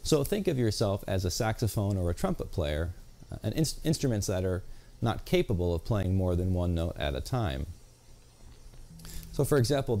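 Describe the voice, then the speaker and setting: A man giving a jazz guitar video lesson, explaining patiently and counting beats aloud. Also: fairly low pitch. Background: guitar playing between explanations.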